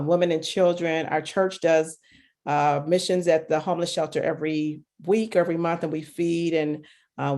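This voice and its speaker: A woman from Michigan who works as a clinical social worker, speaking sincerely at an online group meeting with frequent pauses. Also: deep voice, darkish tone. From Michigan, USA.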